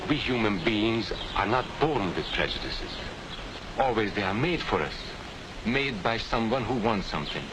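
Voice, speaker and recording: An actor playing an earnest former professor from Hungary, lecturing in a measured way on an old, hissy film soundtrack. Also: male voice, on the low side, natural voice. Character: calm, wise older male émigré professor. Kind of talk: 1940s film acting.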